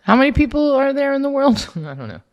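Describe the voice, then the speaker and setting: A woman co-hosting a podcast in casual chat, lively and quick with swearing quips. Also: high voice, lo-fi sound, a little hiss or hum. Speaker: podcast co-host.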